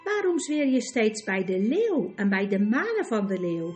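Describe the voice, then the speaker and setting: A woman's voice: medium pitch, big pitch swings, unhurried, a little mellow, faint music behind. A woman voicing a proud, direct young girl in a storybook reading. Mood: blunt.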